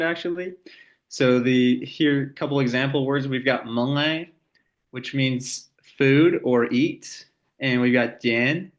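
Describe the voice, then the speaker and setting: Male co-host, slow and easygoing, plenty of ums. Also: mid-range voice. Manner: unhurried, hesitant, many fillers. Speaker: language teacher. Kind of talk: casual lesson.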